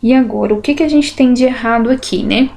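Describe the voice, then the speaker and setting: A woman teacher with a slow, didactic way of talking, going through exercises in a lesson and stretching out syllables to make her points. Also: fairly high pitch, gravelly, a little mellow. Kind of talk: explanatory lesson, correcting exercises.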